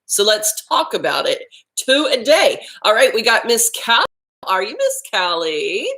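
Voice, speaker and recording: A woman's voice: on the high side, huge pitch swings, measured pace, bright, forceful tone, low-quality recording. A woman hosting a casual live-stream chat about healthy eating, talking while she eats lunch at home. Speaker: health vlog host.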